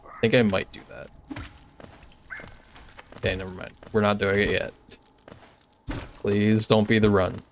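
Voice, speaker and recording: Young male game streamer, relaxed chat with viewers, slightly low voice, faint hiss behind. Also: a little slow, long pauses. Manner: chatty and easygoing, many filler "like"s. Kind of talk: casual gameplay commentary, reading chat.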